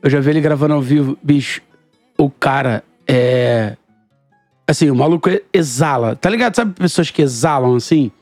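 A man's voice: mid-range voice, normal speed, dry recording, soft background music. A Brazilian man telling anecdotes casually on a podcast, with lots of slang and swearing. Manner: slangy, sweary, animated storytelling. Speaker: podcast speaker.

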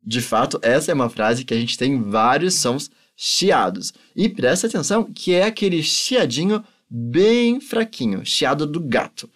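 A male language teacher with a native Portuguese background, who talks at an unhurried, deliberate pace. His pitch moves around a lot as he explains, and he patiently drills each phrase slowly for the listener to repeat. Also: sing-song, fairly bright tone. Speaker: German teacher. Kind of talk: language lesson.

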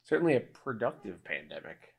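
A man's voice: medium pitch, sing-song, a little fast, creaky, husky. A thirty-year-old man co-hosting a casual podcast chat, with dry, self-deprecating humor. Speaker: podcast co-host.

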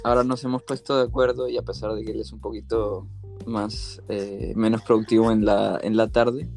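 An easygoing man co-hosts a casual chat, working through his thoughts out loud. His voice sits a little low for a man. A faint bed of music runs underneath. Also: little pitch movement, normal speed, gravelly. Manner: easygoing, thinks aloud with fillers. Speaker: podcast co-host.

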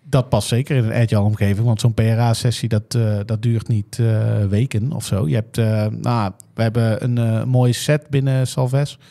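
A man's voice: fairly low pitch, fairly even intonation, normal speed, gravelly, hardly any pauses, dark tone. A man, explaining things casually as a consultant on a podcast. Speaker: podcast guest, software testing consultant.

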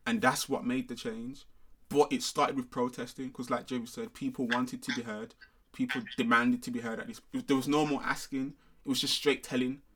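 A man's voice: mid-range voice, level tone, normal speed, a bit bright. Casting: young male panellist, urban London roadman voice, slangy, conversational, pressing each point home. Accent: London, multicultural urban slang (roadman). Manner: street-slang London roadman talk, emphatic, with repeated check-in tags. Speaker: discussion panellist. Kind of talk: casual discussion.

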